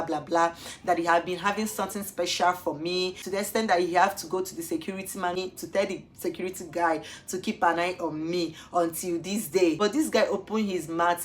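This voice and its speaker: A young Nigerian woman with a Nigerian accent, telling a storytime vlog while doing her makeup and acting out both sides of an argument. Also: on the low side. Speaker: vlogger.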